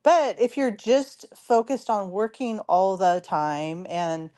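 A woman hosting a casual radio talk show in a chatty, informal, giggly way, her voice hoarse and worn from too much talking. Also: mid-range voice, animated, slow pace, dark tone.

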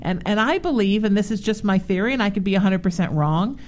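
A woman's voice: medium pitch, animated, quick pace. A woman in her forties hosting a talk show, chatting casually and telling stories with animation. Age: 40s. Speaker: show host.

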